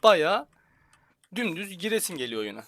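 A young Turkish man talks through a game on a headset, half joking, half grumbling, and now and then bursts out loud. His voice is bright and fairly high, with a faint hiss behind it. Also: very animated, normal speed. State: slight headache. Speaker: gaming YouTuber. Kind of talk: casual let's-play commentary.

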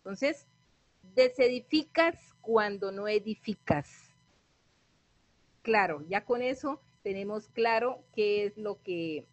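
A woman's voice: medium pitch, no echo. Woman trainer telling a motivational story. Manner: lively storyteller, frequent tag questions. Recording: dry, slightly dull lo-fi audio.

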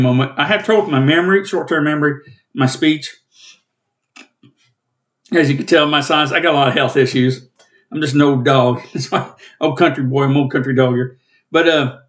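A man in his fifties, late in that decade, hosts a channel and teaches a Bible study by webcam from a small room at home. His voice is a little high and a bit bright, with a rough throat that makes him cough. He rambles in a plainspoken way and corrects himself.

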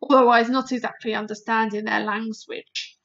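A woman voicing a gentle, proud, excitable giant in a storybook, with quaint, ungrammatical speech and muddled invented words. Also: a little high, normal speed, gravelly, dull audio. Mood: eager, marvelling. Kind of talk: storybook character voice.

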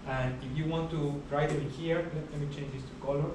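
A young man giving a university lecture in a large hall, explaining steadily with many pauses and uh fillers. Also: a little high, fairly even intonation. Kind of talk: classroom lecture. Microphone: far camera at the back of the room. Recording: echoey hall recorded from far off, background hiss.

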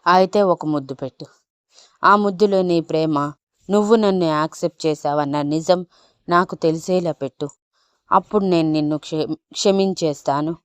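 A tender young husband from an audio love story, coaxing and playful, as a woman narrator puts him on. The voice sits low and smooth, in a dry, close sound. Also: moderate pace, darkish tone, no echo, lightly acted. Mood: teasing.

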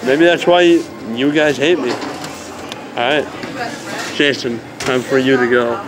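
A man's voice: medium pitch, takes it slowly, noisy background. A young man vlogging and joking with friends on a phone camera in a bowling alley. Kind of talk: casual chat. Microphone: handheld phone camera.

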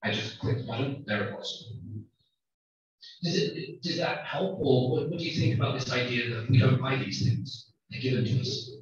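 A man's voice: medium pitch, animated, moderate pace, a little hiss or hum. A man giving an informal, conversational lecture and discussing points with his audience. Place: small lecture room with audience. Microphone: handheld mic, recorded by far camera. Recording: very echoey room, distant, muffled.

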